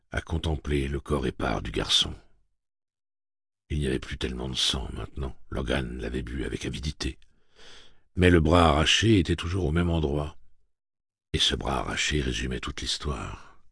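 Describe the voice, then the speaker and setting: A man reading a novel aloud as an audiobook narrator in a measured, dramatic way. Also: very deep voice, vocal fry, husky, no echo, clean studio sound. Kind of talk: scripted narration.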